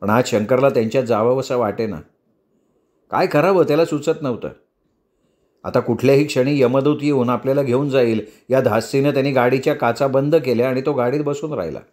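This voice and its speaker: A male storyteller reads a tale aloud with a mid-pitched voice. He tells it with dramatic pauses and expressive shifts of tone. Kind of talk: Marathi story narration.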